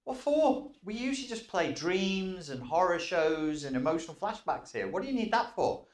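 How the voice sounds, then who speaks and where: Man doing a squeaky fussy inner file clerk. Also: very animated, moderate pace, roomy sound. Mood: incredulous. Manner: squeaky, incredulous questioning.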